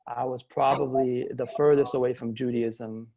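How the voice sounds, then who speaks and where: A man's voice: mid-range voice, little pitch movement, normal speed, gravelly, warm tone. A man from Miami talking as a guest over a video call, hesitant and full of restarts. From Miami, United States. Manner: hesitant, many fillers and restarts. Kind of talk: casual interview talk. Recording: muffled lo-fi call audio.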